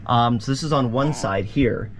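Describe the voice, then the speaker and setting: A man's voice: medium pitch, moderate pace, slight background noise. A man hosting a vlog, giving a casual, upbeat tour inside a sailboat cabin and talking straight to his viewers.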